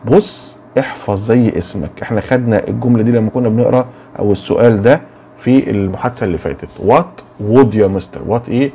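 A man with an Egyptian Arabic accent teaching English grammar to children, asking and answering his own questions and drilling English phrases slowly. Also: on the low side, warm tone, a little hiss or hum.

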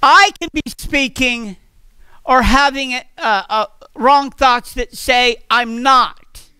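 A man's voice: very high voice, slow, bright, forceful tone, clean tone, dry recording. A man preaching a sermon at a church fellowship, earnest and repeating phrases as he goes.

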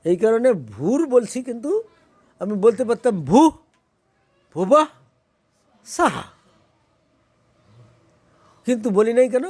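A man leads a small group in spiritual teaching. His voice sits high for a man, and he asks his listeners questions as he explains. The sound is close and dry. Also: a little mellow, dry recording. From Bangladesh. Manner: explains by asking questions, then chants slowly. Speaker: religious teacher.

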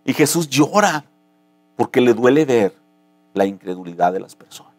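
A man pastor delivering a sermon, moving between calm teaching and impassioned, rising preaching. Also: medium pitch, moderate pace, no echo.

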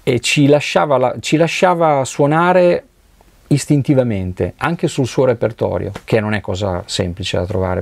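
A man's voice: medium pitch, gravelly, a little mellow, no room sound. A middle-aged man from Italy, a session drummer, talking reflectively in an interview and searching for words as he goes. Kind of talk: relaxed conversational interview. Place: recording studio.

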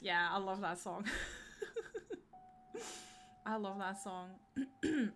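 A woman's voice: medium pitch, slow pace, a bit bright, a little hiss or hum. A woman with a Dutch accent chatting casually on a gaming livestream, giggling often and greeting viewers by name.

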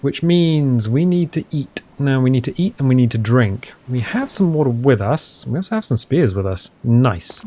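A man with a smooth English accent giving chatty, playful let's play commentary as a gaming channel host, with self-mocking asides. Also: mid-range voice, darkish tone.

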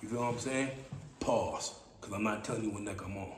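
A podcast host in his thirties delivers a casual solo monologue in a raspy, fairly low voice, talking a little fast in a laid-back, playful way and repeating his phrases. He sits in a small indoor room, picked up by a camera mic at mid distance. The room echoes, with steady background hiss.

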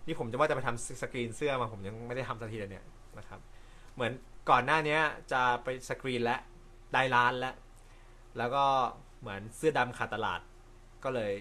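A man hosting a casual live stream from an indoor room, reading viewer comments in a relaxed, chatty way with frequent light laughter and apologetic asides. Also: mid-range voice, a little fast. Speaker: host.

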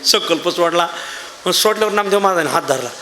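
Kirtan preacher guy, high voice, telling a saint story with jokes, super echoey hall, loud noise. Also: fast. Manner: folksy, joking asides to the audience. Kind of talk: devotional storytelling sermon.

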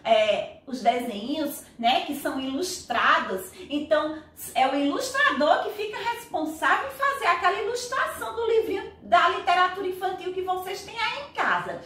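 A high-voiced, middle-aged woman teacher from Brazil, speaking in an animated way to young pupils. Her pitch swings widely as she acts out story voices. She sounds far from the mic in a strongly echoing room. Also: moderate pace. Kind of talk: recorded remote class for children.

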